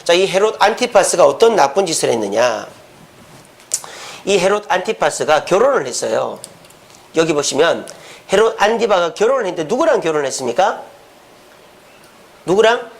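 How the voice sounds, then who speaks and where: A middle-aged male pastor preaching a lively storytelling sermon, often asking the congregation questions. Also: high voice, moderate pace, vocal fry, pauses often.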